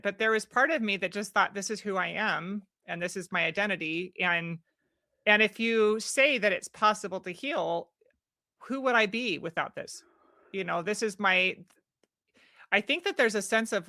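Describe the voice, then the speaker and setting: A woman's voice: mid-range voice, pushed and bright, dry recording, studio quality. A middle-aged woman guest on a podcast, talking earnestly and often restarting her sentences. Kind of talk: podcast conversation.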